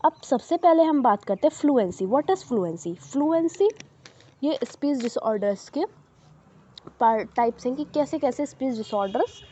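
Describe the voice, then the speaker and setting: A woman teaching, who reads English points slowly and then explains them in a mix of Hindi and English, checking in with her listeners often. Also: sits high, dark tone, muffled recording, slight background noise. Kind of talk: explanatory lecture.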